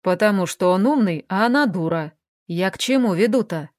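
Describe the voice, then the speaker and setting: A woman's voice: mid-range voice, animated, moderate pace, darkish tone, no echo, studio quality, lightly acted. A woman reading an audiobook, voicing a blunt, coarse, pushy man in an offhand manner. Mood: persuading.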